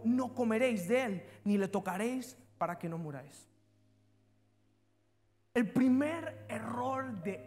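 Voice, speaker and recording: A man preaching a fervent sermon, calling his congregation to repeat lines after him. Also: very high voice. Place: church hall. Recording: reverberant church hall with music.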